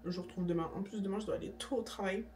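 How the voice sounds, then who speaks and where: A young woman chatting casually to camera in her vlog, slangy and relaxed, sometimes talking with her mouth full. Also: mid-range voice, rapid-fire. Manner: chatty, slangy, talks while eating. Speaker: vlogger. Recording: echoey room, voice a bit distant.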